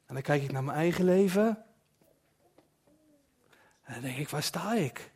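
A man preaching a sermon in a personal, confessional way, dropping to soft asides at times. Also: fairly high pitch, animated, normal speed, breathy edge.

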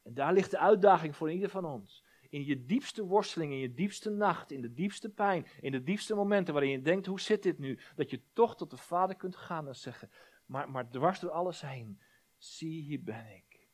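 A man preaching a sermon, stumbling over repeated words and dropping to a hush for quoted prayers. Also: a little high, lively intonation, moderate pace. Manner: repeats words when stressing a point, drops to a hushed voice for prayers.

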